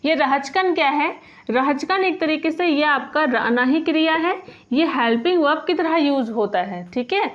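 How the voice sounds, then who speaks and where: A woman teaching a spoken grammar lesson, patiently repeating each example and slowing down on the example phrases. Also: high-pitched, expressive, muffled recording. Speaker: language teacher.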